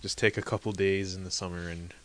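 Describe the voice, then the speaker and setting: A man's voice: low-pitched, flat delivery, a little fast, a bit bright. A young man co-hosting a casual podcast chat, easygoing and laughing a lot. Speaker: podcast co-host.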